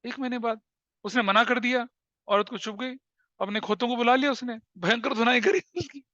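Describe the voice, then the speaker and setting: A man with a very high, bright voice lectures a class, switching between Hindi and English. He tells lively anecdotes and laughs at them. The sound is dry and a little dull, like a lo-fi classroom recording. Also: moderate pace, dry recording. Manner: lively storyteller, laughs at his own anecdotes. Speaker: commerce teacher.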